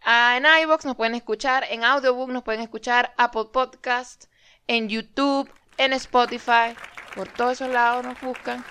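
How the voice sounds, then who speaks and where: A woman's voice: on the high side, level tone, normal speed, bright, forceful tone, clean tone. A woman from Venezuela with a Venezuelan accent, co-hosting a casual podcast and reading listener comments in a chatty, teasing way. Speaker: podcast co-host.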